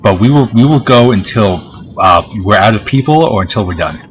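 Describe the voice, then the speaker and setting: A man's voice: lowish voice, lively intonation, moderate pace, poor audio. A man running a tabletop game as game master, narrating casually in a hesitant, chatty, jokey way. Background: background game music.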